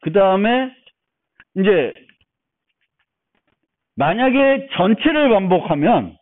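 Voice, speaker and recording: A male university lecturer giving a recorded programming lecture, explaining step by step with fillers and restarts. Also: high voice. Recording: narrow phone-like audio.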